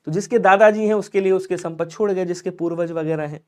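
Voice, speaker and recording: A man teaching Hindi grammar in a live online exam-prep class, coaxing and repeating points and pressing viewers to answer quickly. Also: high voice, a little mellow, smooth.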